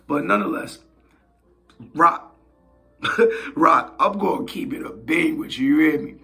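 A hoarse man hosting his own show, giving blunt, slangy casual commentary and often asking "you feel me". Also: a little high, expressive, unhurried, sharp tone, faint music behind. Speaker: host.

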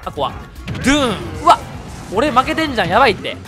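Excitable Kansai man calling his game. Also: very high voice, fast. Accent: Kansai Japanese. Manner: excitable, shouts and laughs at big plays. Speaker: gameplay commentator. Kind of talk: live game commentary. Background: background music.

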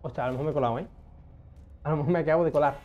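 A young man giving casual gameplay commentary, excitable, swearing often and talking to himself as he plays. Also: fairly high pitch, racing, muffled recording, slight background noise. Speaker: gaming streamer.

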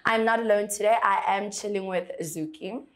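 A young woman from South Africa hosts an interview in a bright studio. She talks in a lively, chatty way and laughs often. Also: mid-range voice, normal speed. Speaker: talk show host. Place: bright studio set with pink rug.

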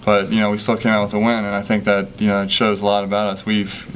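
Young male athlete at a postgame presser; low, flat delivery, hesitant, faint background hum. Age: young adult. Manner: halting, many fillers and restarts. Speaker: college basketball player. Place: press conference room with sponsor backdrop. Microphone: table microphone.

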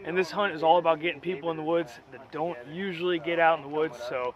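A man hosting a hunting vlog and opening the episode in a lively, playful way. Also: a little high, quick pace, lo-fi sound, a loud crowd. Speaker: channel host. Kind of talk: upbeat vlog intro. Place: outdoors at a campsite.

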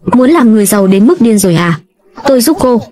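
A woman reads a scornful, rich young bully in a dubbed drama. The voice sits a little high. Every line drips with condescension. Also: animated, quick pace, warm tone, lightly acted. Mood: mocking. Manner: sneering, condescending.

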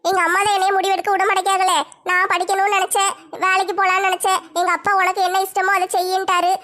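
A woman voicing a fretful young village woman in a comic skit, with a squeaky, pitched-up voice. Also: monotone. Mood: worried. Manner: rapid, bright, squeaky high voice. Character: young village woman, upset, fretting over marriage.

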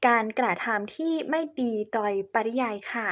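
Lady teaching in thai as a foreigner, a bit halting, polite, highish voice. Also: animated. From China. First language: Chinese. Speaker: presenter on cultural etiquette. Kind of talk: explanatory lesson to camera.

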